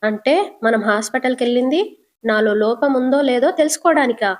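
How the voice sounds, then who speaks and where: A woman's voice: fairly high pitch, moderate pace, lightly acted. A woman voicing a hurt young wife who speaks in a pleading, aggrieved way.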